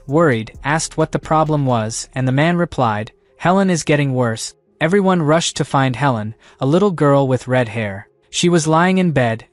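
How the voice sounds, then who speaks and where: A man narrating a comic story recap in a steady, even storytelling voice. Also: on the high side, no room sound. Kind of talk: scripted narration.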